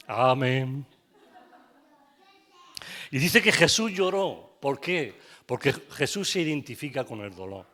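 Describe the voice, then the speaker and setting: A man's voice: fairly high pitch, sing-song, moderate pace, bright, forceful tone. A man with a Spanish accent preaching a sermon as pastor in a church, asking his congregation questions and adding frequent amens. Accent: Spain.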